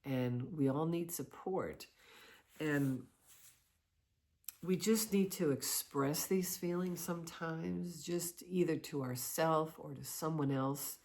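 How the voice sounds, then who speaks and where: A middle-aged woman giving a confessional personal monologue in a halting, reflective way, often pausing between short phrases. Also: low voice, darkish tone. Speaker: vlogger sharing personal experiences.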